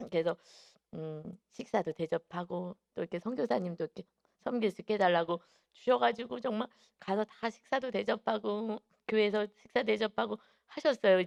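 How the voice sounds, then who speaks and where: A man preaching an early-morning sermon as pastor, telling a story in an animated way full of emphatic fillers. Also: high-pitched, gravelly.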